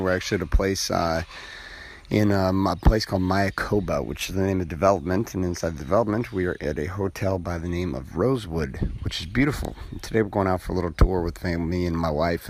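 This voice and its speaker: A man giving a casual motivational monologue as a podcast host, keeping his voice quiet so as not to wake someone, recording on a phone. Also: low voice, a little hiss or hum. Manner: quiet, held back to avoid waking someone asleep.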